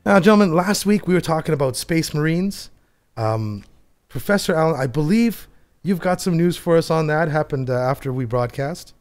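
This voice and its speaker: A man's voice: a little high, animated. A man hosting a book podcast, upbeat and jokey, introducing segments and chatting with guests. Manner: upbeat, jokey, quick to laugh. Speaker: podcast host.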